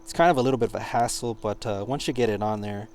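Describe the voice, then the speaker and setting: A man giving an informal hands-on product demonstration, speaking haltingly as he searches for words. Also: lowish voice, darkish tone, slight background noise. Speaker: product reviewer.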